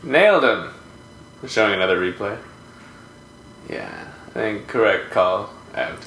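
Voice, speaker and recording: A man co-hosting a podcast, chatting casually about baseball and family with relaxed, wry storytelling. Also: fairly low pitch, unhurried, gravelly. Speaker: podcast co-host. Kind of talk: casual chat while watching a baseball game. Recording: roomy room with faint noise.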